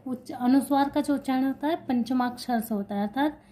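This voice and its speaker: A woman's voice: high voice, fairly quick, dark tone. A woman teaching an exam-prep grammar lesson, explaining while writing and repeating key points, asking questions and answering them herself.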